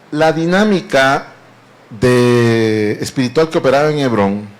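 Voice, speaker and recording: A man preaching a sermon, earnestly and often addressing the congregation as beloved brethren. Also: medium pitch.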